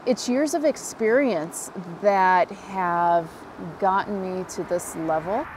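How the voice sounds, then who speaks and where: A woman's voice: medium pitch, slow, noisy background. A middle-aged woman with a Montana American accent, a fly fishing guide, talking earnestly and with enthusiasm in an outdoor interview by a river. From Montana, USA. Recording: interview with music bed.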